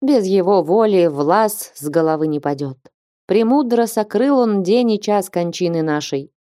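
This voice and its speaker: A woman reading an audiobook and voicing an elderly abbess who speaks in a slow, grave, measured way. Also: medium pitch, lively intonation, mellow, dry recording, studio quality, lightly acted. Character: stern but loving elderly abbess.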